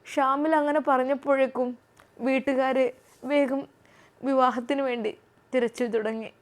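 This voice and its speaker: A woman telling a story in an emotional, expressive way. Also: sits high, measured pace. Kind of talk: storytelling narration.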